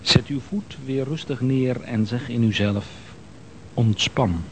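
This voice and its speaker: A man calmly leading a guided progressive muscle relaxation exercise, giving slow, soothing instructions. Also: mid-range voice, noisy background.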